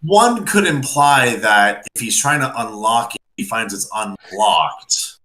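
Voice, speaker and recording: A man's voice: fairly low pitch, lively intonation, takes it slowly, sharp tone. A man playing a tabletop game, easygoing and a bit hesitant, with many fillers. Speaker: player. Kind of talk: casual game chat. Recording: echoey room.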